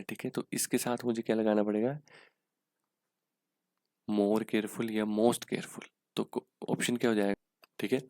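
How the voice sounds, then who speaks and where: Indian man, English exam tutor, monotone delivery, low pitch. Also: vocal fry, no room sound. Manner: explains in Hindi with English terms, frequent "ठीक है". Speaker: English teacher. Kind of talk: exam-prep lesson.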